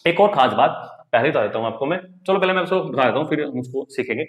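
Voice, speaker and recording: A young man teaching a chemistry lesson in a lively classroom style. He asks rhetorical questions, repeats key points, and mimics his students in a lower voice. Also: fast talker, muffled recording. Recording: echoey room.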